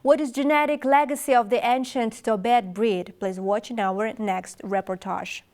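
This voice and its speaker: A woman's voice: a little high, fairly even intonation, normal speed, darkish tone. A woman presenting scripted television news as an anchor.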